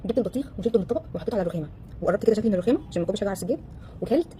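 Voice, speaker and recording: Rapid-fire Egyptian woman coaching an audience. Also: medium pitch, slight background noise. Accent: Egyptian Arabic. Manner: animated, full of rhetorical questions; acts out quoted voices. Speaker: relationship coach. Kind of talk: casual talk to a live audience.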